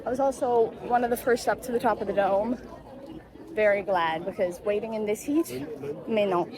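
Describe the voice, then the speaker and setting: Crowd noise surrounds this rough recording of a young English-speaking woman from Labrador, Canada, vlogging her travels. Hot and tired, she rambles casually and runs herself down, speaking at normal speed in a mid-range voice.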